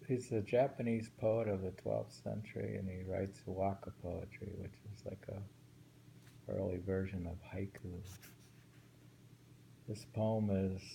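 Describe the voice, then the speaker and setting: A poetry reader from New York speaks in a low, warm voice with vocal fry, casually reading translated poems and pondering them in a hesitant, think-aloud way. The recording is low-quality, with faint background noise.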